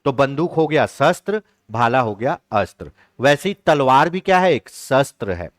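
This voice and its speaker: A man leads an online exam-prep lesson in a dry, close-miked recording. He explains each point step by step, stopping often to check with his listeners, and stretches key words out slowly when he stresses them. His voice sits at an ordinary middle pitch. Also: sing-song, no echo. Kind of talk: online class lecture.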